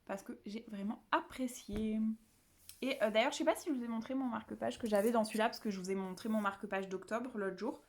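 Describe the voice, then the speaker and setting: A woman's voice: fairly high pitch, fairly quick, darkish tone. A woman from the south of France chatting casually to camera about her books at home, rambling with many fillers and restarts. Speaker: book vlogger.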